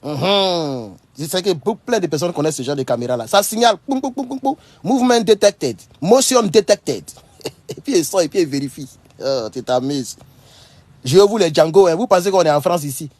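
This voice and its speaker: A man with a fairly high voice gives loose, animated commentary to his online followers. He circles back over the same phrases and breaks into laughter. The recording is dry and close. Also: fairly quick, dry recording. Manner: animated, repetitive, laughs often while talking. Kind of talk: casual storytelling and commentary to followers.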